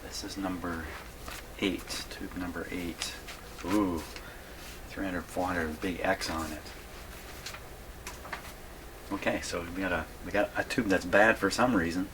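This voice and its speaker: In his home radio workshop, a man with a low-pitched, steady voice speaks at a moderate pace while demonstrating a hands-on electronics repair. He chats casually for his video, thinking aloud and muttering to himself. The recording is clear but carries background noise.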